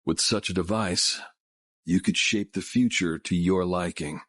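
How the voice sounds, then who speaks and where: A deep, husky, remorseful patriarch. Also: male voice, a bit bright. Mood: solemn regret. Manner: formal, measured, solemn. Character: grave remorseful wealthy father heading a corporate group. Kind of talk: dubbed video game drama acting.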